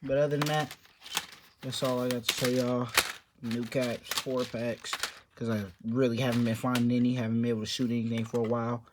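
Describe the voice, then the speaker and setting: A man's voice: mid-range voice, level tone, a little fast. Young man, casual vlog, rambling and offhand, trails off, faint background noise. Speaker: papercraft hobby vlogger. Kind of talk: casual show-and-tell vlog.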